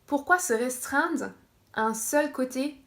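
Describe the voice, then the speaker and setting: A young woman vlogging in a casual, chatty way, her voice sitting a little high. She laughs often between points, fills pauses with small hesitations and corrects herself as she goes. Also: fairly bright tone. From France. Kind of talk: casual opinion vlog.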